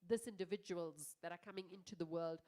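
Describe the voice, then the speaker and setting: Woman, panel moderator, stuffy nasal voice, congested, lively questioning. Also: lowish voice, quick pace. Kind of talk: panel discussion.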